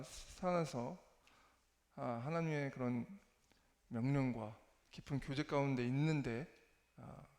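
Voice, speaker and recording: A man giving a church testimony in Korean in a hesitant, self-deprecating and halting manner. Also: fairly high pitch, a little mellow. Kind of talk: church testimony, spoken sermon. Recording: echoey hall with long reverb.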